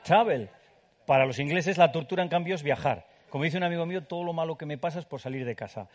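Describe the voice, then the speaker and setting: A man's voice: fairly high pitch, quick pace. Enthusiastic Spanish man explaining word origins. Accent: Spanish from Spain. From Spain. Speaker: author and guest speaker. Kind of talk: lively public book talk.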